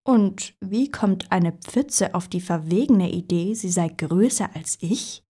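A woman voicing a vain, boastful male moon in a storybook reading, with a loud, grandiose manner. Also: on the low side, slow pace, husky. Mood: proud.

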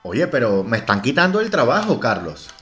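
A man's voice: medium pitch, big pitch swings, normal speed. Guy cohosting a comedy podcast, crude teasing jokes, voice jumping all over. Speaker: podcast co-host. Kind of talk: casual comedy banter.

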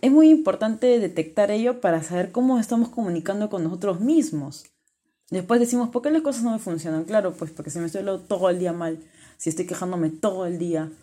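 Earnest and encouraging, a woman addresses listeners of her self-help podcast one-on-one in a lowish voice. She notes that her voice is loud by nature.

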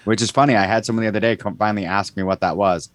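An American man with a low-pitched voice chats casually as co-host of a podcast. The recording is dry and free of room echo. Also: steady tone, very fast. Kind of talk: casual chat.

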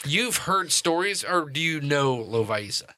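A man narrating and explaining rules as game master of a tabletop role-playing game, in a rambling, halting way. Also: a little high, animated, pushed and bright, dry recording, clean studio sound.

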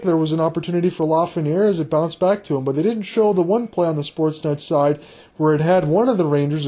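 High-voiced chatty male hockey commentator. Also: darkish tone. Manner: chatty, conversational asides to listeners. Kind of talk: live sports commentary.

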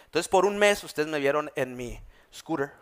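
A man in his twenties from Mexico, a pastor with a northern Mexican accent, preaching a sermon and telling stories in an animated way. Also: fairly high pitch, normal speed. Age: 20s. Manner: animated, vivid storytelling preacher. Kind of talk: sermon with storytelling.

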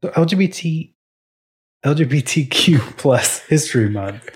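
A man's voice: on the high side, expressive, measured pace, slightly rough. A young man co-hosting a casual podcast, bantering and running a playful trivia quiz. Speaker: podcast co-host. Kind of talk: casual chat.

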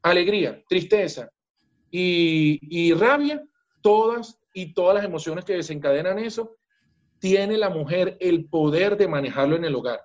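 A man's voice: high-pitched, animated, unhurried, muffled recording. A man with a Venezuelan accent, a business coach speaking in a podcast interview, emphatic and talking straight to the listener.

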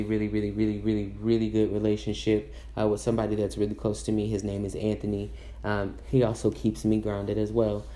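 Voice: mid-range voice, a little mellow. A commentator giving casual celebrity gossip commentary in a sassy, chatty way, full of asides and fillers.

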